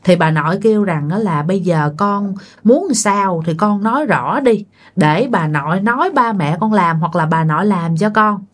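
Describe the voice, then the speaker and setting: A woman's voice: medium pitch, expressive, moderate pace. A woman, telling a ghost story in a chatty way and speaking directly to her listeners.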